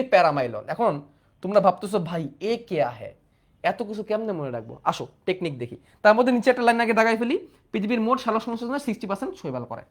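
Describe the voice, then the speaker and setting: A young man teaching a biology exam-prep class, repeating questions and prompting students to answer. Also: high-pitched. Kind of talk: online exam-prep lecture.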